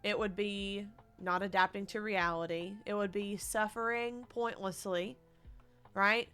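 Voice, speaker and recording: A woman's voice: mid-range voice, steady tone, a little slow, fairly bright tone, smooth, faint music behind. Exasperated ranting woman streamer. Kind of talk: casual live-stream commentary. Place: her living room.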